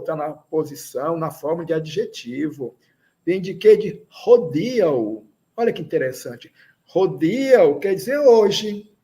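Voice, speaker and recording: Male language teacher, slow and patient delivery with a darker tone, repeats phrases for students. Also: on the high side, dark tone. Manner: slow, patient, with frequent "né?" checks; repeats phrases slowly for learners. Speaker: Esperanto teacher. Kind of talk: language lesson, explaining grammar.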